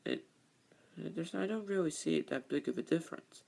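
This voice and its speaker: A man hosting a casual, rambling vlog, halting and repeating his phrases as he goes. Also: fairly high pitch, gravelly, mellow. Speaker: video host, toy train hobbyist.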